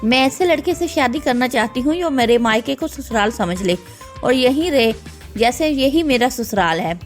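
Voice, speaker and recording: A woman voicing a stubborn, spirited daughter of about twenty in an animated storybook, protesting in a lively manner. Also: sits high, moderate pace. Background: faint music.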